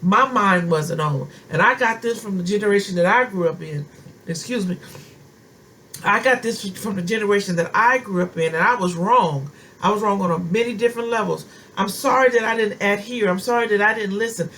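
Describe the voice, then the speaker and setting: A woman preaching straight to her listeners with fervent, homespun conviction. Her voice sits at an ordinary middle pitch, and she drives points home by repeating phrases. A faint background hiss runs under her talk. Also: a little fast, a bit bright, rough recording. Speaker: preacher and self-styled prophetess. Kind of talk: informal sermon, speaking to viewers.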